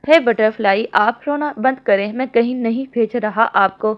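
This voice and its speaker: A woman reading the lines of a possessive, doting young man in a romance novel, low and firm. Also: moderate pace, lightly acted. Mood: tender. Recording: dull lo-fi audio.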